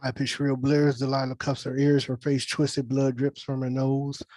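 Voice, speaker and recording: In a scripted table read, a man reads stage directions at normal speed in a flat, even, medium-pitched voice. The recording is dry and close.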